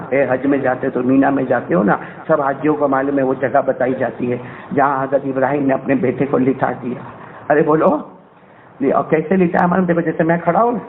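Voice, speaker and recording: A man's voice: medium pitch, a little hiss or hum. A male Islamic preacher telling a story in an emotional sermon, fervently quizzing his audience. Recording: tinny phone-like sound.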